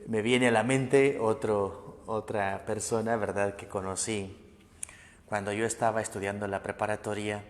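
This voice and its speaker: A man's voice: fairly low pitch, fairly even intonation, measured pace, in a large hall. A man giving a sermon, emphatic, repeating key phrases and often adding a questioning tag. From Mexico. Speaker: priest. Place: parish church.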